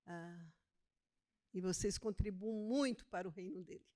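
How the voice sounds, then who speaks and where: Speaking at a medium pitch, an older woman from Pernambuco in Northeast Brazil joins a laid-back interview as a guest. A theologian and writer, she is quick to laugh and often self-deprecating.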